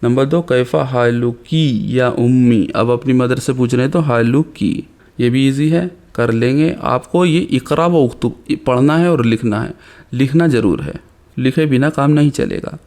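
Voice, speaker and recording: Man, recorded lesson, slow example reading, quick asides. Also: mid-range voice, darkish tone. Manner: slow deliberate reading of examples, rapid explanations between. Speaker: Arabic teacher.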